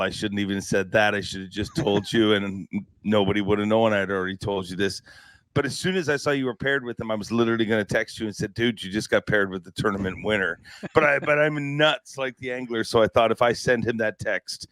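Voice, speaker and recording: A man's voice: lowish voice, steady tone, fairly quick, a bit bright, clean tone, dry recording. A man hosting a podcast in casual chat, talkative, laughing easily and restarting his sentences. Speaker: podcast host.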